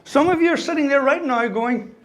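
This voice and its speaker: A man's voice: extremely high pitch, a little fast, background noise. A man giving a humorous motivational talk as a university lecturer, asking "right?" after most points. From Ireland. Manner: joking, ends lines with "right?".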